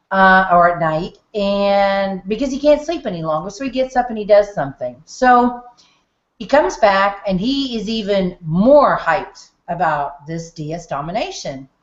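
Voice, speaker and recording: A middle-aged woman telling her story on a group call from her home office, lively and acting out the dialogue. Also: medium pitch. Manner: animated storyteller who acts out quoted dialogue. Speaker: testimonial speaker on a group call. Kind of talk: casual storytelling testimonial. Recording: muffled roomy home call audio.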